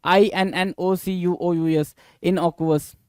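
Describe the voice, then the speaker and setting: A male teacher leading an exam-prep vocabulary lesson. He reads English definitions slowly, explains them in quick Hindi, spells each word letter by letter and repeats the answers. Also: high-pitched, fairly even intonation, clear, resonant tone, no echo. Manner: spells words letter by letter, repeats answers, calls students bhai.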